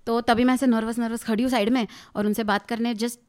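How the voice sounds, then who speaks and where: A young woman in her twenties, a rapper guest on a podcast, telling a story in an animated, laughing way. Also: a little high, fast. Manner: animated, laughs often, mixes Hindi and English. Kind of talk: casual storytelling chat.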